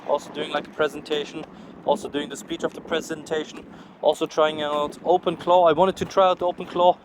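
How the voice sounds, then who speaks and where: The audio is rough: a slightly high-pitched man with a German accent rambles fairly quickly and flatly into his phone while walking a street. Exhausted from lack of sleep, this vlogger swears, speaks frankly, and belittles himself amid passing traffic and outdoor noise.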